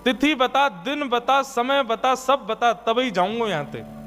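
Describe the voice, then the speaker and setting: A man's voice: extremely high pitch, unhurried, fairly bright tone, in a large hall, voice pushed up. A man voicing the child Krishna, a small, stubborn, eager boy who pleads insistently, in a devotional story, over flute music. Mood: pleading. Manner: insistent whining pleas.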